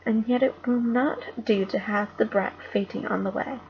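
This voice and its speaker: Woman playing a cold, imperious witch queen from a storybook, sharp and commanding; gravelly, with a dull lo-fi home-recording sound. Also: on the high side, steady tone, normal speed, close to an everyday voice. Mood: scornful.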